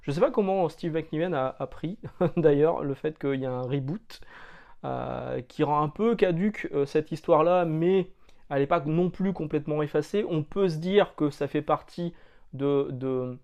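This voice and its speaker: A man's voice: fairly high pitch, moderate pace, darkish tone, dull audio. A man from France talking casually about comics, chatty and jokey, with lots of hesitant fillers. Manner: jokey, loose slang. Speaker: comics reviewer.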